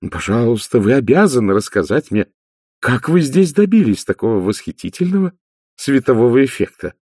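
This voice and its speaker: A man's voice: medium pitch, very animated, moderate pace, a little mellow, breathy edge, dry recording, studio quality, pitched above the performer's own voice. A man voicing a grand, effusive aristocratic woman in a storybook reading, sweeping and theatrical in manner. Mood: gushing.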